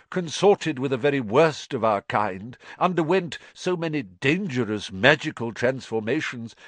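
Dumbledore, a man doing a gentle old headmaster. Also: mid-range voice, dry recording, voice pushed up. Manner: gentle, measured.

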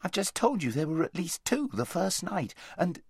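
A man reading aloud and voicing a frightened, tired young boy who pleads in a high, almost screaming voice. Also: very animated, moderate pace, husky, no room sound, studio quality, heavily acted.

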